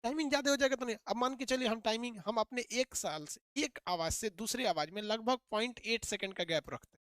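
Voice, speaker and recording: A man teaching physics, talking rapidly, repeating points and quizzing his students. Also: very high-pitched, fairly bright tone, clear, resonant tone, dry recording, clean studio sound. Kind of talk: animated classroom lecture.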